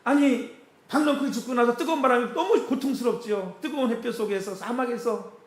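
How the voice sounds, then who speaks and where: A pastor preaching a sermon in an animated way, chuckling often and asking the congregation questions. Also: male voice, very high voice, a little fast. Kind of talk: sermon with casual storytelling. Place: church sanctuary. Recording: echoey church hall.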